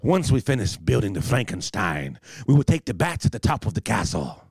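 A man's voice: lowish voice, very animated, a little fast, vocal fry, a little mellow, husky, dry recording, clean studio sound, voice pushed down, exaggerated voice. A man doing a gloating cartoon villain. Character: scheming male cartoon villain plotting to his assistant.

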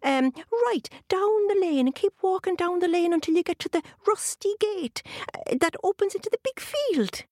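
Woman doing a squeaky, stammering little leprechaun. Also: expressive, moderate pace, a little mellow, no room sound, clean studio sound. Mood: nervous. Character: frightened tricky little male leprechaun.

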